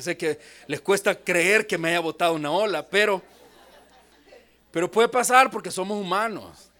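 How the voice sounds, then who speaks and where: A young pastor with a high-pitched voice delivers a sermon in an earnest, conversational way. He slips into personal storytelling and then builds to emphatic, repeated calls to prayer. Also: a bit bright. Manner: earnest preaching with a personal anecdote, rising to emphatic exhortations.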